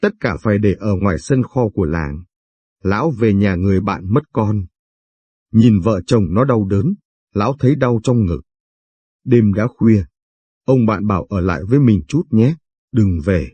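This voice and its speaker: A man reading a somber short story aloud in a measured narration. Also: lowish voice, expressive, warm tone, husky, no room sound.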